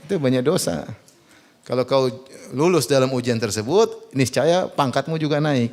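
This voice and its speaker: A man with an Indonesian accent preaching a sermon in a mosque, questioning the congregation and mixing jokes with teaching. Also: normal speed. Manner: animated, rising for emphasis and dropping low for asides, asks the audience questions.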